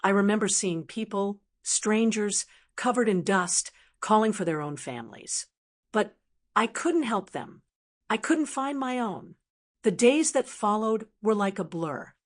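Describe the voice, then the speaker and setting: A woman acts as a very old woman who survived a wartime bombing and lost her family. She tells her story in a mid-pitched voice, solemn and reflective. Her delivery is measured and full of sorrow, in the manner of a scripted dramatic monologue. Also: expressive, natural voice. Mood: anguished, sorrowful. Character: grieving 99-year-old woman, bereaved Nagasaki bombing survivor.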